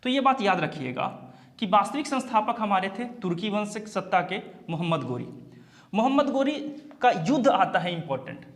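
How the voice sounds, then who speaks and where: A man's voice: high voice, fairly bright tone. A man teaching an exam-prep history lesson, posing questions and then answering them himself. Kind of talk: classroom lecture.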